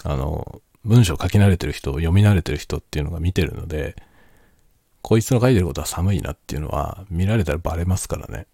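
Quiet, low-pitched man chatting at night. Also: fast, vocal fry, slightly rough, no echo, studio quality. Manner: quiet, low-voiced late-night talking. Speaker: solo host of a spoken chat. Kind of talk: casual late-night chat.

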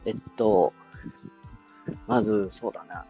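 Young Kansai man with booming echo. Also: a little slow, dark tone, muffled recording, faint music behind. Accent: Kansai Japanese. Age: 20s. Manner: rambling, filler-heavy, chatty. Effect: strong booming echo of a resonant outdoor spot. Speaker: podcast host. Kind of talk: casual solo talk. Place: outdoors, with passing motorbikes and cars.

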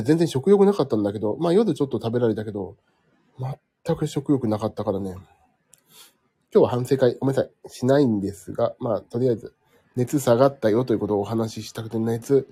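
A man's voice: medium pitch, lively intonation, fairly quick, mellow, slightly rough. A man hosting a casual live stream from home, chatting with listeners in a sleepy, rambling, self-deprecating way, slightly nasal from a cold. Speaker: livestream host.

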